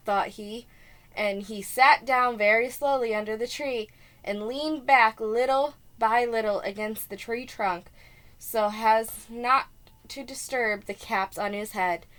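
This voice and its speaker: Reading a children's storybook aloud, a woman preschool teacher adds asides along the way. Her fairly high voice is expressive and deliberate, leaning on key words.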